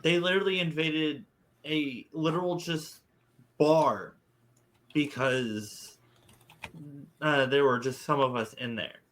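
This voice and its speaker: A man improvising casual role-play as a tabletop game player, halting and repeating his words. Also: on the high side, steady tone, a bit bright.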